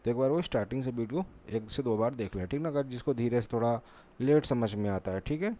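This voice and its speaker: This maths teacher at a board talks quickly in an animated yet mellow mid-range voice. Patient and repetitive, he asks himself rhetorical questions, answers them, and says "ठीक है" again and again.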